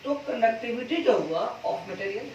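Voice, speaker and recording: High-pitched man teaching physics slowly. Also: lively intonation, darkish tone, slight background noise. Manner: repeats key terms slowly for students to copy; quizzes the class with call-and-response questions. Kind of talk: classroom lecture. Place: classroom. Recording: echoey, distant, dull classroom recording.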